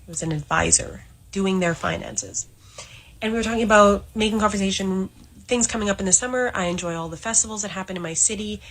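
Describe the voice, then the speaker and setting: Canadian woman, mid-pitched voice, steady and detailed storyteller. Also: quick pace, poor audio. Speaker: former financial advisor. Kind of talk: storytelling clip.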